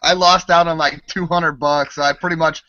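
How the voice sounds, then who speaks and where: A man's voice: fairly high pitch, fairly even intonation, moderate pace, pushed and bright, lo-fi sound, slight background noise. A man on a podcast panel telling casual personal anecdotes in a conversational way.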